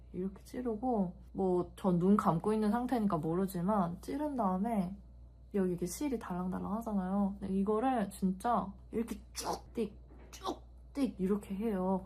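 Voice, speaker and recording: A young woman talking to camera in a casual vlog, telling her story with emotion and candor, acting out sounds as she goes. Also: medium pitch. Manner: emotional, candid storytelling with vivid sound words. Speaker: beauty vlogger.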